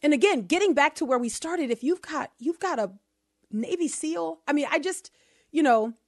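A New Orleans woman with a local accent co-hosts a podcast, keeping the commentary chat casual while stacking up emphatic rhetorical questions. Her high voice is animated at a moderate pace, captured in clean studio sound with no echo.

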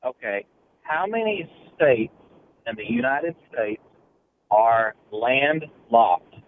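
Male radio caller, low-key and polite, on a tinny metallic phone line with light background noise. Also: expressive, slow. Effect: tinny, metallic-sounding phone line. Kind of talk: call-in to a radio trivia show.

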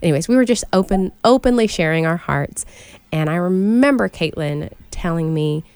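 Woman with a cold-roughened smoker's rasp, lowish voice. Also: animated, moderate pace, darkish tone, no room sound. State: recovering from a cold. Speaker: radio show co-host.

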